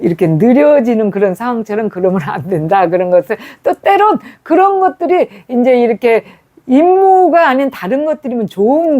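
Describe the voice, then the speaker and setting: A woman's voice: fairly high pitch, mellow. A woman preacher delivering a sermon, telling stories with frequent fillers and hesitant restarts.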